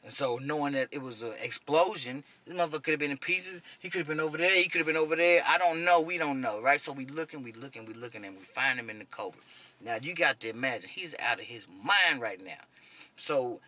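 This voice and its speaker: A man's voice: medium pitch, fast, sharp tone. A man in his thirties, an army medic veteran, casually telling a war story in a profane, conversational way. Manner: profane, conversational, keeps asking "you know what I'm saying". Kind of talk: casual first-person storytelling.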